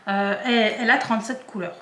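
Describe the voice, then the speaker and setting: A woman's voice: a little high, fairly even intonation, fast talker, fairly bright tone, echoey room, a little hiss or hum. A woman vlogger chatting casually and hesitantly, with many fillers and restarts. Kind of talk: casual chat.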